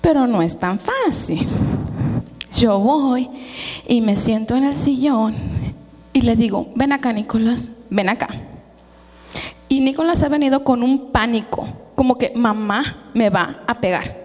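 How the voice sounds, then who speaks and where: A woman's voice: on the high side, unhurried, long pauses, a little mellow. A middle-aged Mexican woman giving a personal testimony sermon, telling it with emotion and mixing in English words. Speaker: preacher. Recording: long hall reverb.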